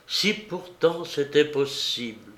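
A man's voice: fairly high pitch, expressive, slow pace, fairly bright tone. A man reading a young actress's intense diary. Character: young actress writing her private diary. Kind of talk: audiobook reading. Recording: roomy echo.

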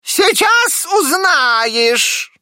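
A man voicing a cheeky, excitable male parrot with shrill, drawn-out exclamations. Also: no echo, clean studio sound, full character voice. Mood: excited.

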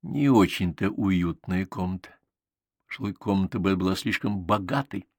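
A man narrating an audiobook in a steady, even storytelling manner. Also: low voice, moderate pace, dry recording, clean studio sound. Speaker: audiobook reader. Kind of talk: scripted narration.

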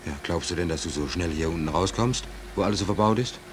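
A man's voice: low-pitched, fast, a little hiss or hum, natural voice. An actor playing a worried ship's stoker in a radio drama, speaking hesitantly and repeating his words.

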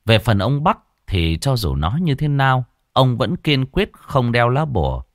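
A man narrating a ghost story with an expressive, varied delivery. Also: mid-range voice, normal speed, no echo, clean studio sound.

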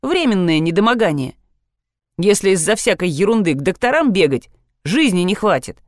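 A brisk, mocking male police officer from a storybook reading, voiced by a woman. He fires off short questions and teasing remarks in a dry, close voice at a middle pitch. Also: very animated, no echo, lightly acted. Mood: brusque.

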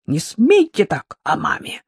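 A man's voice: high-pitched, wildly swooping pitch, measured pace, husky, no room sound, studio quality, voice pushed up, full character voice. A reader voicing a weak-willed grown man who mumbles and whines in fear. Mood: frightened whining. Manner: whining, frightened mumbling.

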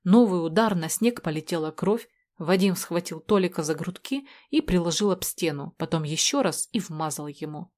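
A woman narrating a story in the first person in a steady, measured way. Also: lowish voice. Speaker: audiobook narrator.

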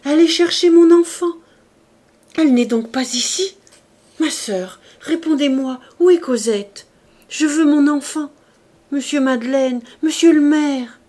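A woman's voice: high-pitched, a little slow, dark tone, pitched above the performer's own voice. A woman reading an audiobook, voicing a desperate, dying young mother who cries out and pleads. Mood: frantic.

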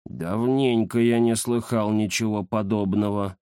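A man voicing a fat, lazy, pompous ginger tomcat who grumbles slowly and self-importantly. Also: fairly low pitch, fairly even intonation, dark tone, clear, resonant tone, dry recording, studio quality, lightly acted. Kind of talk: audiobook character voice.

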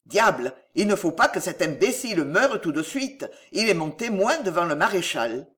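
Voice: mid-range voice, very animated, normal speed, fairly bright tone. A reader voicing an old fawning steward. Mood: irritated mutter. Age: older. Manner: pleading, effusive, raised voice. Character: scheming old male steward, servile and fervent.

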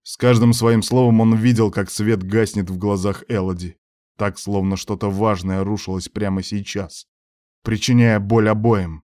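A man reading a dramatic story aloud, steady in his narration. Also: on the low side, normal speed, dry recording, clean studio sound. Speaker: audiobook narrator. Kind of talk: scripted narration.

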